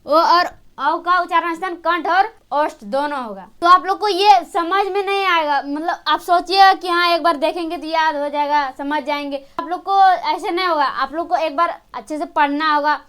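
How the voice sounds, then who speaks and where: A woman's voice: very high-pitched, a bit bright. A woman teaching an exam-prep grammar lesson, who keeps asking a question and answering it herself. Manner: repetitive, asks and answers her own questions.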